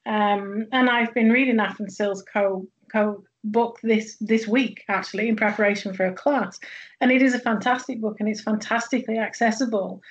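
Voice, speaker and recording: A woman's voice: medium pitch, steady tone, moderate pace, dull audio. A woman from the northwest of England with a Northern English accent, speaking thoughtfully as a guest sociologist, with many fillers and restarts. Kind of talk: academic interview conversation.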